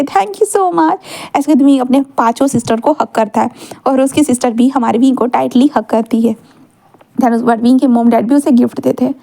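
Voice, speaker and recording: Woman storyteller, chatty casual narration, high pitch, mellow tone, keeps checking in. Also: gravelly. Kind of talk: casual fan-fiction narration.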